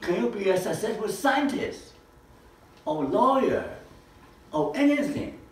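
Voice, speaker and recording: An older man gives an informal lesson in a living room with a projector screen, his voice high, sing-song and a little slow. He asks rhetorical questions and gestures broadly, and a camera across the room picks him up, so the sound is echoey and distant.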